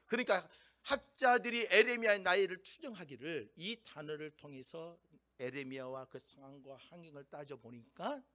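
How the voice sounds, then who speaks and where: A man's voice: a little high, sharp tone. A middle-aged pastor preaching emphatically and putting rhetorical questions to his congregation. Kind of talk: sermon.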